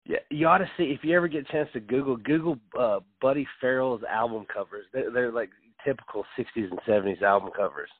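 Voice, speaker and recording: A man interviewing a comedian, eager and friendly, with frequent laughs and halting restarts. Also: mid-range voice, slightly rough, dry recording. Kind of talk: casual interview chat. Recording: tinny phone-line sound, dry.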